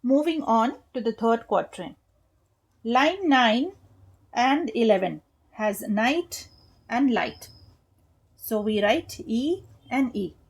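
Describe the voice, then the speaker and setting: Young female teacher, slow and patient, slightly high voice, walks students through each point. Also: lively intonation, breathy edge. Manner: slow, patient, spells out rhyme letters and claps rhythm. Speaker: English literature teacher. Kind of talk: explaining a lesson to students.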